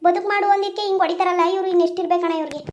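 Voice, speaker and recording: A woman voicing a fed-up village wife in a cartoon, pleading her case fast and aggrieved. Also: very high voice, steady tone, darkish tone, dull audio. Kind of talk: animated village drama voice-over.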